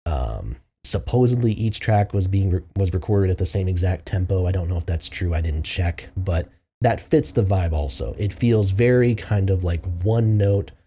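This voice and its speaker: A man with a low, dark voice and a husky, slightly grainy edge. He talks through an album review in a loose, unscripted way, thinking aloud with plenty of ums and likes. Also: lively intonation, moderate pace. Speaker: music reviewer host. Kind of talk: casual album review monologue.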